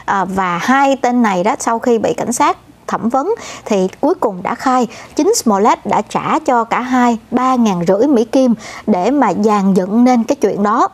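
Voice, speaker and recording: Female news co-anchor, fairly high voice, chatty delivery with frequent filler pauses. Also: animated. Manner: many "à" fillers, addresses "thưa quý vị". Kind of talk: conversational news reading.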